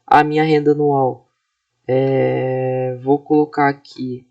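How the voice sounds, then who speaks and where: A man in his twenties from Brazil, a student walking through his software project in a casual, explanatory way, often checking in with his listeners. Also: medium pitch, flat delivery, slow pace, highs cut off. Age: 20s. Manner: casual, explanatory, frequent fillers and tag questions. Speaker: student presenting a class project. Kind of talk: screen-recorded software walkthrough.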